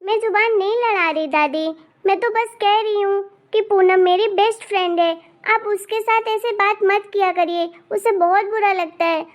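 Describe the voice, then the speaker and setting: Woman playing a feisty little rich cartoon girl, very high voice, bossy and sure of herself. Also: normal speed. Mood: insistent. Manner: confident, insistent, bossy. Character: bold, loyal rich young girl who defends her friend. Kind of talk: animated cartoon voice acting.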